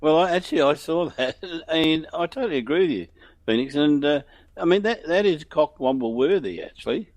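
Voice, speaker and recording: A man's voice: a little high, lively intonation, brisk, darkish tone, no echo. A man on a podcast panel in casual chat, chuckling and agreeable.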